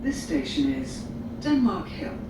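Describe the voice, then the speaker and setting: A woman's recorded onboard train announcement in a measured, formal announcing manner, played over the carriage loudspeaker. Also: big pitch swings. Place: inside a moving train carriage. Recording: echoey distant loudspeaker over loud train noise. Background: loud train rumble.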